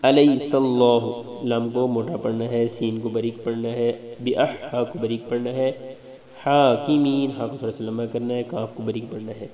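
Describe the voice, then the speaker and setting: A male Islamic scholar giving a religious lesson, explaining pronunciation rules step by step and drawing out sample words slowly. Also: mid-range voice, flat delivery. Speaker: Islamic scholar teaching Quran recitation. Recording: tinny, echoey recording with an audience.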